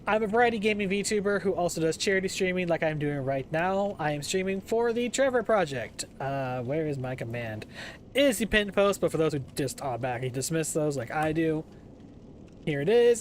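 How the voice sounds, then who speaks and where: A man's voice: high-pitched, animated, fairly quick, a little hiss or hum. A man chatting casually on a live gaming stream as its host, playful and jokey with theatrical greetings. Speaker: variety gaming streamer and VTuber.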